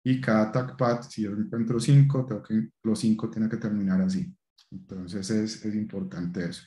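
Low-voiced man presenting over webcam. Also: warm tone, reverberant. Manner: hesitant, frequent fillers and restarts. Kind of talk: technical meetup presentation.

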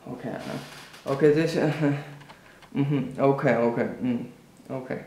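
Slow, halting man with echo. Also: mid-range voice, creaky, dark tone. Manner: halting, many fillers and restarts, indignant. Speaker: student. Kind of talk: personal account to camera. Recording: echoey room, faint background noise.

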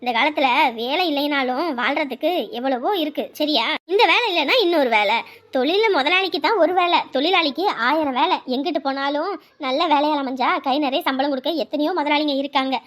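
A woman's voice: high voice, a little fast, a bit bright. A woman playing a caring young wife who reassures her husband, sometimes scolding, in a serial-style drama. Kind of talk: TV serial acting.

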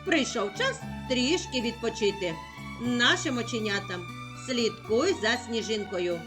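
Over music, a woman teacher with a Ukrainian accent guides young children through a reading lesson in a fairly high, animated voice. She speaks slowly and clearly, stretching sounds and patiently answering the questions she asks.

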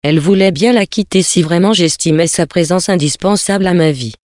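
A reader narrating a novel in the first person, with a measured, even delivery. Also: mid-range voice, no room sound, studio quality. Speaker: reader of a story.

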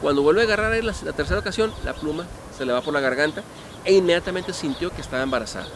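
Guide, middle-aged man, slightly high voice, animated storyteller, outdoor noise. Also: racing. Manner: animated, gesturing, asks the audience questions. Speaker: museum guide. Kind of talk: storytelling tour explanation. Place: outdoor park museum among statues.

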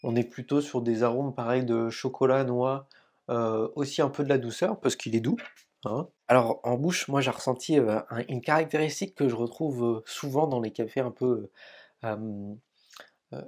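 A man's voice: medium pitch, normal speed, darkish tone. Chatty French man tasting coffee. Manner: chatty, many fillers, describing flavors. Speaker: coffee YouTuber. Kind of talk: casual coffee tasting vlog. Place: home coffee studio, indoors.

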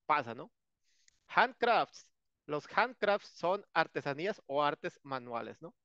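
A male teacher with a Mexican Spanish accent, walking through vocabulary with playful slang and jokes. His voice sits a little high for a man. The recording is dull, lo-fi and dry. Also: sing-song, takes it slowly, sharp tone, dry recording. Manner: joking, colloquial asides. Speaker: English teacher. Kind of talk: casual recorded lesson.

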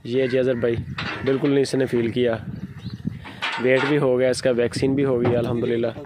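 A man's voice: medium pitch, level tone, brisk, noisy background. A man in his thirties with a Pakistani Urdu accent, casually narrating on site at an outdoor cattle farm, recorded on a handheld phone camera. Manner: chatty, narrating while walking around livestock.

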